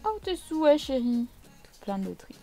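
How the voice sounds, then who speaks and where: A woman's voice: high-pitched, big pitch swings, normal speed, warm tone, soft background music. A woman giving casual, chatty gameplay commentary with a playfully teasing manner. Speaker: video game let's player.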